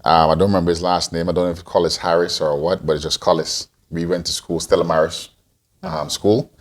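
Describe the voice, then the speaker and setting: A man in his 40s, born in Guyana and raised in Antigua, answers interview questions as a podcast co-host, rambling and restarting often. His voice is low-pitched and level, and he talks a little fast.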